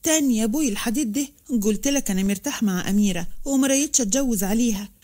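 A woman playing a young Upper Egyptian husband who defies his father and protests in a rapid rush of words. The voice stays mellow and soft-edged, like a storybook reading. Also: on the high side, close to an everyday voice. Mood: protesting. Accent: Upper Egyptian Arabic. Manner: pleading, protesting.

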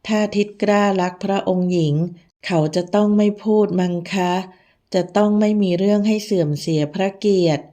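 A woman's voice: mid-range voice, fairly even intonation, normal speed, warm tone, natural voice. A woman voicing a loyal, flustered young palace maid in an audiobook reading, with urgent, pleading delivery.

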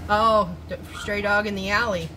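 A woman's voice: mid-range voice, steady tone, moderate pace. A woman talking casually to her viewers as she cooks in her home kitchen, narrating each step as she goes. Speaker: cooking vlogger. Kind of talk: casual cooking chat. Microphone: camera on the counter. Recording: noisy home recording. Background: household noise, dogs barking.

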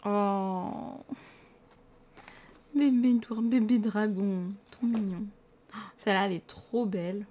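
A woman's voice: medium pitch, fairly even intonation, slow, long pauses, dark tone. A tired woman with a French accent, chatting casually and enthusiastically about her books in a vlog. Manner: chatty and enthusiastic, self-mocking. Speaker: vlogger. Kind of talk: casual chat, showing books.

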